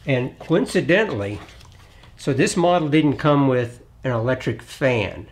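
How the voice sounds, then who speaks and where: A middle-aged man hosting a hands-on repair tutorial in his home garage, talking in a relaxed, plainspoken way as he works on an engine bay. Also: mid-range voice, unhurried. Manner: relaxed, plainspoken, thinks aloud while working. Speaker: DIY auto repair channel host.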